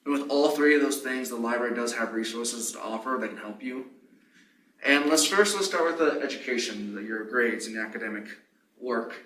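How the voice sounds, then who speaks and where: A man's voice: mid-range voice, brisk, a bit bright. A young man giving an informal instructional presentation as a library fellow, his voice muffled by a face mask. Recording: roomy, distant mic, faint noise, mask-muffled.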